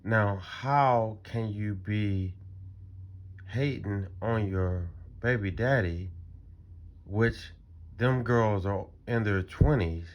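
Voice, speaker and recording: A man's voice: lowish voice, drawn-out words, highs cut off. A man hosting a reaction channel, talking casually and in disbelief about a clip he is watching. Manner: incredulous, repetitive, conversational.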